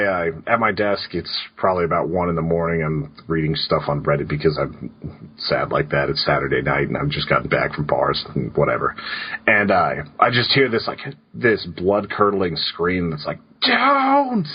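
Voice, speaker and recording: A man's voice: sits low, moderate pace, husky. A man co-hosting a podcast in casual chat, telling loose stories full of "like"s. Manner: loose storytelling with many "like"s. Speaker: podcast co-host. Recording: dull lo-fi podcast audio.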